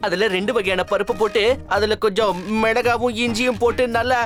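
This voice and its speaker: A grown son in a TV serial who grows exasperated with his mother and complains about going hungry. Soft music runs underneath. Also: sits high, fairly even intonation, fairly quick. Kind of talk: TV serial acting.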